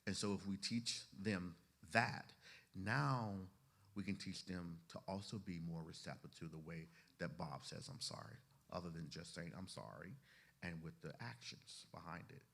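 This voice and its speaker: A man's voice: sits low, normal speed, creaky, a bit bright, husky. A man lecturing a class of trainees in a conversational way, often saying "you know" and asking the room questions. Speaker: instructor teaching therapists.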